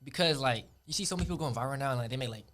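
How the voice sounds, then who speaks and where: A man's voice: mid-range voice, very fast, a bit bright, a little hiss or hum. A man in his twenties chatting casually as a podcast guest, rambling with lots of fillers. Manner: rambling, many "like" and "you know" fillers.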